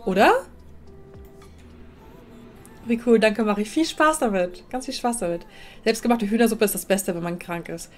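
A woman's voice: mid-range voice, moderate pace, long pauses, soft background music. A woman casually commenting while she streams a life-sim game, thanking viewers and talking to her characters, a little sniffly with a cold.

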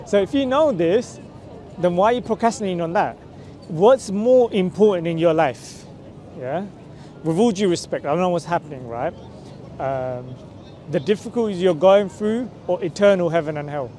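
In a busy city square, a man preaching on the street engages someone in conversation, his high, dark-toned voice full of lively intonation at a moderate pace. The camera mic, a few meters away, picks up a little hiss or hum as he presses his questions with persuasive, repeated checks like "right?".

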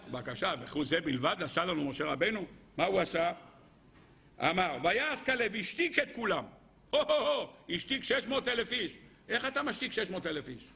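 A middle-aged rabbi teaches a Torah lesson in a high, bright voice. His tone is husky, with a gravelly edge. He keeps the listeners engaged with questions and moves between loud exclaims and low asides. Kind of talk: lively Torah lesson to a live group.

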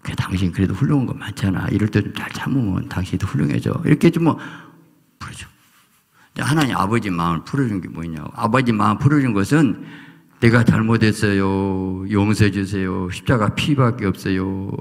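A middle-aged male pastor preaching a sermon, swinging from loud calls to hushed near-whispers. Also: fairly low pitch, animated, quick pace, creaky, husky. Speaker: senior pastor. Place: church sanctuary. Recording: long church hall reverb.

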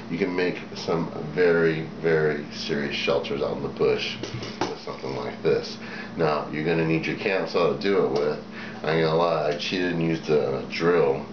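Man, low voice, rambling plain talk, dull lo-fi camera audio, noisy background. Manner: rambling, plain-spoken, many fillers. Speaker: video host. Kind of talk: casual show-and-tell demonstration. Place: small indoor room at a table. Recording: echoey room, dull sound, background noise.

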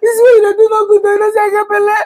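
A high, fast-talking young wife with a Nigerian Pidgin accent, heavily pregnant and stubbornly dramatic, played by a woman. She pleads and whines theatrically in a comedy skit. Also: expressive, noisy background. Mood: whiny. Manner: pleading, whiny, theatrical fake crying.

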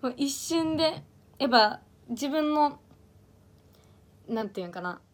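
A woman's voice: sits high, animated, measured pace. A young woman from Ehime with an Iyo dialect, chatting casually on a livestream, reading viewer comments, laughing often and stumbling over words. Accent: Iyo dialect of Ehime, Japan. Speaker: idol livestreamer.

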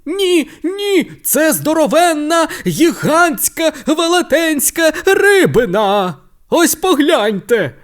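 A man doing an excitable squeaky young dinosaur. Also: slow, heavily acted. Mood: excited.

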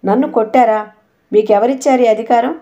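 A woman's voice: a little high, fairly even intonation, fairly quick, dark tone, muffled recording, lightly acted. A woman reading the part of an angry young wife in an audiobook, with biting, indignant retorts. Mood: angry scornful.

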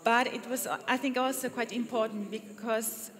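A woman's voice: on the high side, steady tone, moderate pace. A Finnish woman with a Finnish accent leading a conference workshop in English, friendly and hesitant with fillers and restarts. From Finland. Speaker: workshop presenter. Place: conference room with audience. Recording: reverberant hall, faint noise.

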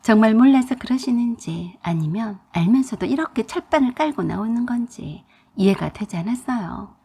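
Young woman telling her own story, kinda breathy, voice goes up and down a lot, fed up. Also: a little high, animated, moderate pace, mellow. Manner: indignant, exasperated telling. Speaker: narrator. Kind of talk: first-person storytelling.

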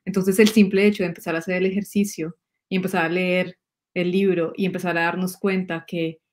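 Speaking over a video call webcam from indoors at home, this thirties-aged Colombian astrologer hosts a relaxed spiritual chat in Colombian-accented Spanish, telling animated stories, laughing frequently and repeating words. Her voice is fairly low and a little mellow with little pitch movement, a little fast, with slight background noise.

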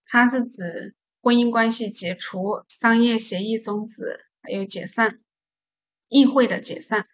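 A woman's voice: a little high, fairly even intonation, unhurried. A woman teaching an English vocabulary lesson, patiently explaining stress and silent letters and repeating each word to drill pronunciation.

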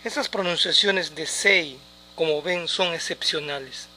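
Slow, bright-voiced man teaching English. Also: a little high, a little hiss or hum. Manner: repeats English words slowly for pronunciation drills. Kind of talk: slow, deliberate language lesson.

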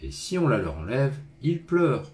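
A man voicing a curious, gentle little boy prince while reading a storybook aloud. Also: medium pitch, very animated, normal speed, lightly acted. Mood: wondering. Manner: wondering, questioning.

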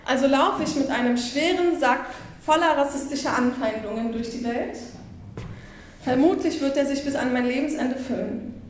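A woman's voice: sits high, moderate pace, roomy sound, slight background noise. A woman in her twenties from Berlin giving a conference talk on a headset mic, telling stories in an earnest way and acting out what people said to her. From Berlin, Germany. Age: 20s. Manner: earnest storytelling, acting out quoted remarks. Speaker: conference speaker. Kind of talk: stage talk. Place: bright conference room with windows.

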